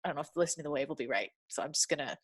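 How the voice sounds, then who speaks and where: A woman with a somewhat low voice talks in a relaxed, conversational way. She searches aloud for her words and laughs easily. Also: rapid-fire, slightly rough. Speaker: host, actor. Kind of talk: casual conversation.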